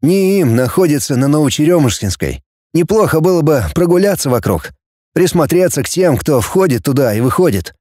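A resolute young man lays out his plan earnestly, read by a male narrator close to his own voice. The tone is mellow and dry, with lively rises and falls. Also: fairly high pitch, fairly quick, dry recording. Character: determined young man, the hero.

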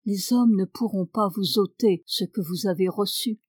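A woman reading the part of a calm, wise nobleman who speaks softly and gently. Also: mid-range voice, moderate pace, breathy edge, no echo, lightly acted. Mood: gentle. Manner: soft, gentle delivery.

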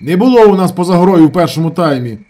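A man voicing a stubborn young man who loudly insists he is right. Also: high-pitched, expressive, quick pace, pitched above the performer's own voice. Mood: stubborn shouting.

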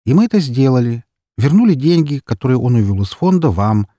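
A man narrating an audiobook in the first person, in a calm, dry and ironic manner. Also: mid-range voice, fairly quick, dry recording.

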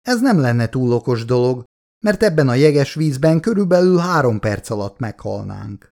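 A man's voice: mid-range voice, big pitch swings, gravelly, a little mellow. A man reading a cool-headed female polar guide. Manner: matter-of-fact, patient explaining. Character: calm, dry-witted young woman polar guide. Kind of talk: audiobook character voice.

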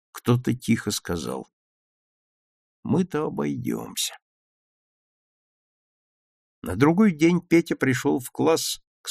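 A man narrating a children's story aloud in an expressive, lively reading style. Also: mid-range voice, gravelly, no room sound, clean studio sound.

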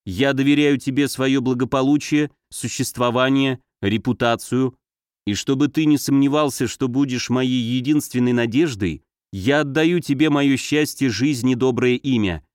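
A man voicing a passionate baron, speaking slowly in a gentle, coaxing way. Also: mid-range voice, clear, resonant tone, no room sound, clean studio sound, lightly acted. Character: ardent male baron, tender and passionate suitor.

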